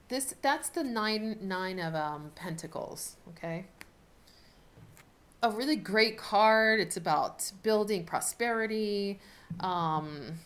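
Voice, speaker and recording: A woman giving a casual, unscripted tarot reading as host, talking in a chatty, halting way as she thinks aloud. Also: lowish voice. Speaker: tarot card reader hosting a video reading. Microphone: camera set up in front of the speaker. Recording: noticeable background noise with clicks.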